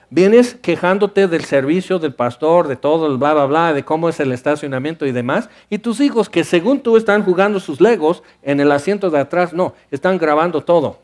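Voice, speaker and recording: A man preaching a sermon in an animated way, acting out the voices of his listeners and moving between loud and hushed delivery. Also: high voice.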